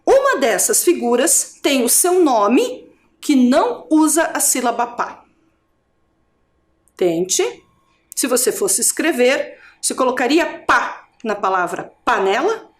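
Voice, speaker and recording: A woman teacher with a Brazilian Portuguese accent from Curitiba, giving an adult education video lesson, drawing out syllables slowly and asking the viewer questions. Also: high-pitched, very animated. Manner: slow, drawn-out syllables for drilling.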